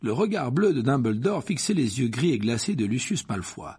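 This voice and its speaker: Guy reading a storybook out loud, animated and kinda husky, does all the voices. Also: mid-range voice, moderate pace. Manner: expressive narration, voices all the figures. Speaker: audiobook reader. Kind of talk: storybook narration.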